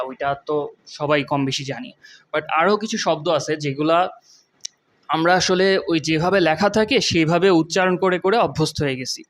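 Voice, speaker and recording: A young man, teaching English vocabulary in a casual lesson, reading English examples slowly and explaining them with many fillers. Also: on the high side, a bit bright. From Bangladesh. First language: Bengali.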